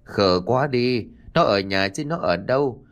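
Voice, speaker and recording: A man voicing a patient village father who gently coaxes his daughter. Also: mid-range voice, expressive, unhurried. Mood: soothing. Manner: soothing, coaxing.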